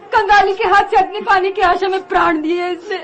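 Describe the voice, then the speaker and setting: A woman's voice: very high-pitched, fairly even intonation, fairly quick, a bit bright. A woman playing an old village aunt who wails and laments over a dying woman in a radio drama. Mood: lamenting. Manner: wailing, lamenting.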